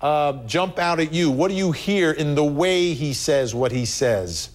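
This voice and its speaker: A man hosting a cable news show, introducing guests and asking them brisk, probing questions. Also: a little high, lively intonation.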